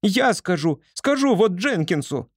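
A man voicing an excitable young female squirrel who tattles, in a shrill, indignant voice for an audiobook. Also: measured pace, slightly rough, no room sound, clean studio sound, full character voice. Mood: shrill outrage. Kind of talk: audiobook character voice.

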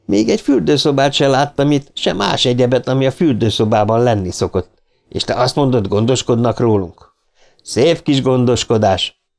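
A man's voice: mid-range voice, lively intonation, gravelly, a little mellow. A man voicing a sarcastic, complaining male astronaut who mocks his partner with indignation. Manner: mocking, indignant.

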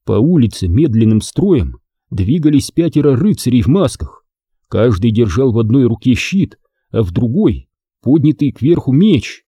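A man reading a first-person adventure story aloud in an expressive, dramatic way. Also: mid-range voice, moderate pace, slightly rough, no echo, studio quality. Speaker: audiobook narrator.

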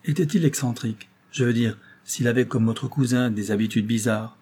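A man reading the part of a cold, secretive young noblewoman who speaks in a grave, measured tone. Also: medium pitch, warm tone, natural voice.

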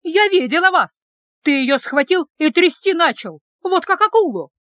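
Woman putting on a shrill young village woman, high, loud, yelling, very lively, dry sound. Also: normal speed, dry recording. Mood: furious, shrill. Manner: shrill and shouting. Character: furious young village woman, fierce sister.

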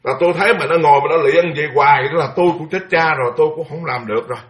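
Male monk, lively storytelling sermon, somewhat high pitch. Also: racing. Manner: animated, exclaiming, mimics chanting for effect. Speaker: Buddhist monk giving a dharma talk. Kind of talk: sermon told as personal anecdote.

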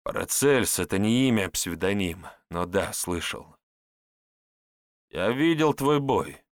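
A man voicing a nervous, evasive male herbalist who is secretly a disguised priest, speaking in hurried, flustered replies. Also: low voice, animated, no echo, clean studio sound. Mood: eager.

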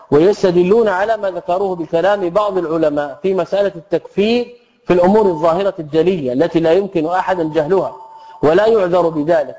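A man's voice: sits high, darkish tone, low-quality recording. A middle-aged man teaching a religious lesson, reading from a text and explaining it with rhetorical questions. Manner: reads a passage, then explains it with rhetorical questions. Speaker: Islamic scholar teaching a lesson.

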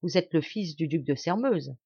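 A woman's voice: sits low, expressive, normal speed, warm tone, husky, no echo, dull audio, exaggerated voice. A woman voicing a blunt army sergeant who speaks brusquely and swears, in a dry home recording. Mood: firm.

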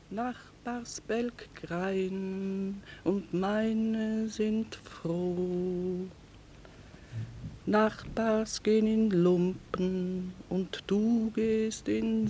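A woman's voice: medium pitch, dark tone, slight background noise. An actress playing a weary, grieving mother in a radio drama. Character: weary, grieving mother, hardened war-time trader. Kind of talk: radio drama acting with crooned lullaby.

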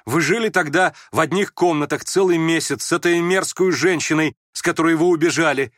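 A man's voice: on the high side, fairly quick, no echo, studio quality, pitched above the performer's own voice, lightly acted. A man reading an audiobook, voicing a proud, impulsive young woman who flares up and then turns shy. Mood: agitated. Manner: sharp, flustered, switching between scorn and shyness.

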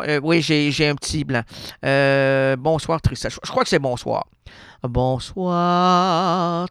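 Gravelly Québécois man rambling on radio. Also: on the high side, fairly bright tone, dry recording, clean studio sound. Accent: Québécois French. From Quebec. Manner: rambling, playful wordplay, frequent self-corrections. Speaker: radio host. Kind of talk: freewheeling absurdist radio monologue. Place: radio studio.

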